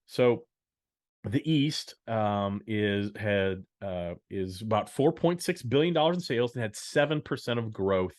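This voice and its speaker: A man's voice: fairly low pitch, lively intonation, unhurried. A man from the United States co-hosting a casual business podcast, chatting and walking through numbers. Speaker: podcast co-host.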